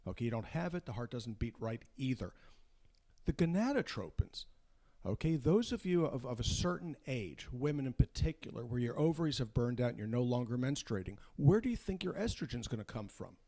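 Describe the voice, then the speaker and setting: A man's voice: mid-range voice, sing-song, a little fast, dark tone. A man speaking as a guest doctor, giving an informal medical lecture in an emphatic, folksy way with rhetorical questions. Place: unfinished studio.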